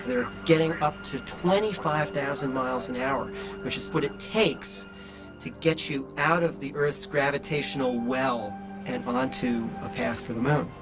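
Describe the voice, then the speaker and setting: A man's voice: medium pitch, measured pace, over music. A man in a documentary interview, explaining in an emphatic, vivid storytelling way.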